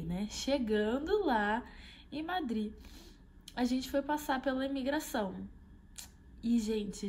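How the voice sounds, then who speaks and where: A young woman with a Brazilian accent tells a travel mishap in a lively, chatty way, often turning to her viewers. Her voice sits a little high. A faint ambient hum stays under her speech. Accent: Brazilian Portuguese. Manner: animated, addresses viewers as "gente". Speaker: travel vlogger. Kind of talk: casual storytelling.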